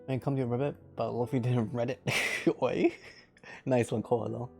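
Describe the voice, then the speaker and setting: A man's voice: medium pitch, steady tone, normal speed, gravelly, mellow, faint music behind. Giggly young man reading aloud. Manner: giggly, breaks off laughing, chatty asides. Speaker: streamer reading a light novel. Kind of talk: casual live-stream reading aloud. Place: home late at night.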